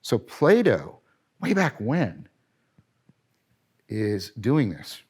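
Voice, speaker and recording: A middle-aged man giving a philosophy lecture, animated and emphatic, often correcting himself and asking rhetorical questions. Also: lowish voice, drawn-out words, breathy edge.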